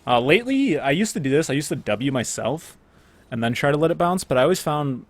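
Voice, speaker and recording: A young man giving casual commentary over his own gameplay footage, chatty and relaxed, with many fillers and self-corrections. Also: a little high, a little fast.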